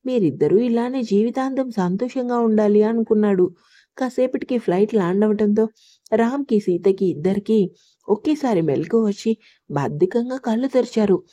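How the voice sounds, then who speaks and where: A woman narrating a love story in a steady, even reading voice. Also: medium pitch, normal speed, dry recording.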